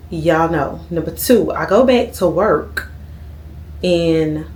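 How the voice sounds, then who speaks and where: A woman's voice: deep voice, drawn-out words. A thirty-year-old woman, chatting casually to her camera at home and tagging "okay?" onto her lines. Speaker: vlogger. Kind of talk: casual sit-down chat to camera.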